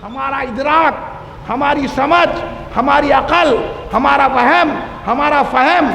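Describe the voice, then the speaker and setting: A man preaching an impassioned sermon to a large gathering, shouting out repeated refrains. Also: extremely high pitch, gravelly. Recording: echoey hall with long reverb.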